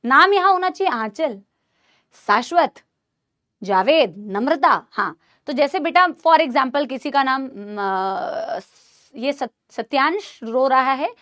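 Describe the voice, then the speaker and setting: A young woman teaching a live online class in a high, bright voice, close and dry with no room sound. She is chatty and firm, drilling each term slowly so students repeat it. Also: lively intonation, no echo. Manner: drills pronunciation, chatty and scolding. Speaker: biology teacher.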